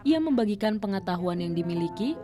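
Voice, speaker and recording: Narrator, woman, mid pitch, measured scripted read, music underneath. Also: animated.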